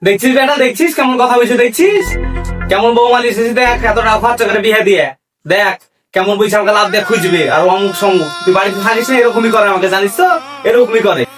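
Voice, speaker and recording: A man doing a nagging old mother-in-law. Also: close to an everyday voice. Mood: scolding. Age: older. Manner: whining, scolding, high-pitched and fast. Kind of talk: comedy skit acting. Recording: distant mic with loud background music.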